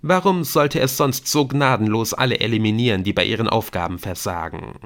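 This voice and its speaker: A man's voice: fairly low pitch, a little fast, a bit bright. A male audiobook reader voicing a playful, theatrical adult man who loves riddles and teases with mock drama. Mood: theatrical, explaining. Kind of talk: audiobook character voice.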